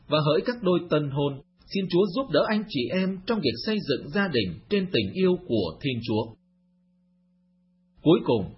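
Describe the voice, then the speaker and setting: A man's voice: a little high, husky. A man reading a scripted religious radio news segment in a formal way. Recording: lo-fi radio recording with music behind.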